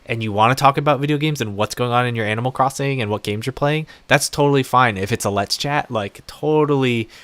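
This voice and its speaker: A young adult man chatting casually and rambling on a live stream, talking warmly to his viewers. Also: medium pitch, fairly quick, hardly any pauses, no room sound.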